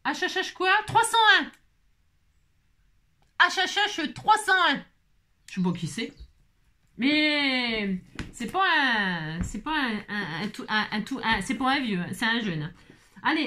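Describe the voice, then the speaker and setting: Chatty bright-voiced french woman. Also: mid-range voice, slight background noise. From France. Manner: chatty, rambling, self-mocking, hums and sings snatches. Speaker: craft channel host. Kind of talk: casual chat to viewers.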